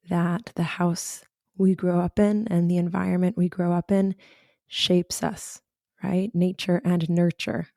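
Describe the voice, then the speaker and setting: A career coach hosts a solo podcast, talking reflectively and personally to listeners. Her voice is low-ish and warm, a little hoarse as she recovers it, in clean studio sound with no echo.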